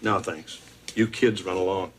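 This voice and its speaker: A man's voice: sits low, steady tone, measured pace, a bit bright. An actor playing a sarcastic, grumbling middle-aged father in a sitcom. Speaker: father of the family. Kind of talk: sitcom acting. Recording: noisy TV sound with studio laughter.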